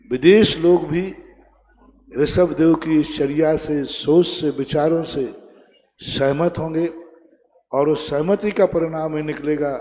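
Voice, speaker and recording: A man delivering a sermon at an unhurried, deliberate pace, leaning hard on his key phrases and teasing the crowd now and then. His voice sits a little high yet sounds dark and mellow. It rings out with a long reverb, as if carried over a PA at a big outdoor gathering. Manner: slow, emphatic preaching with playful teasing of the audience. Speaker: Jain monk preacher.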